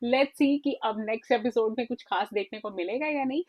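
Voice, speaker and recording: A woman hosting a casual drama reaction video, chatty and expressive as she gives her opinions. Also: on the high side, brisk, no room sound, lo-fi sound.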